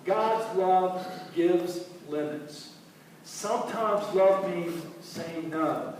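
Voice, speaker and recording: High-voiced male pastor in an echoey church. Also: drawn-out words, darkish tone, slight background noise. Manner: earnest preaching, reads scripture aloud, asks the congregation questions. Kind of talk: sermon. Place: church sanctuary. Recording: echoey church hall, mic from a distance.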